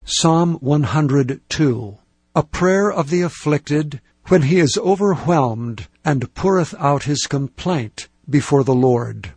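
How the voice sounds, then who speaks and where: A man giving a steady, measured, solemn scripture reading. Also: on the high side, slightly rough, dry recording. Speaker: Bible reader.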